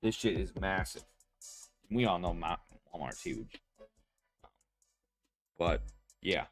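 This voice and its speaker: A man chatting casually to his stream viewers, rambling and excitable, full of fillers and restarts. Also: low-pitched, takes it slowly. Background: faint music.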